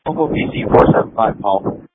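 A man, a police officer, giving rapid clipped reports over a walkie-talkie. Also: slight background noise. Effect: heard over a police walkie-talkie. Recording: tinny two-way radio, distant, dry.

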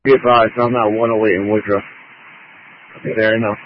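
A man on a crew reporting his position flatly over a two-way radio. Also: lowish voice, moderate pace. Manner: flat, matter-of-fact radio report. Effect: two-way radio transmission. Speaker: responding crew member. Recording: muffled radio with static.

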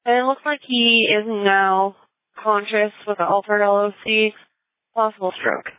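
A woman dispatcher giving crisp emergency call-outs over a tinny two-way radio. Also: mid-range voice, steady tone, unhurried, no echo. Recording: dry, phone-like radio band.

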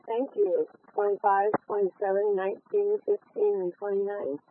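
A woman emergency dispatcher heard over a radio dispatch loudspeaker, her voice thin and lo-fi. She makes brisk, clipped call-outs at a middling pitch. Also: fairly even intonation, husky. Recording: tinny lo-fi radio transmission.

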